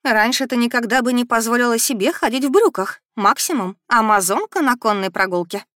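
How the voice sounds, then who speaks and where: A woman plays a fussy middle-aged noble mother who pleads and reproaches. Her voice is on the higher side and recorded dry and close. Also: animated, brisk, a bit bright, dry recording. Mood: pleading.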